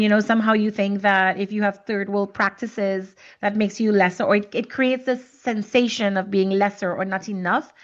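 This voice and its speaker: The recording is muffled, though her medium-pitched voice comes across fairly bright. She's a podcast host from Trinidad and Tobago, thoughtful and chatty, who tends to repeat words while searching for her phrasing.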